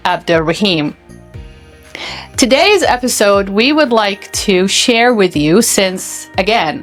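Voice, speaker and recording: A woman born and raised in Saudi Arabia, hosting a podcast in a measured, explanatory way. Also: mid-range voice. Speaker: podcast host. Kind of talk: casual podcast chat.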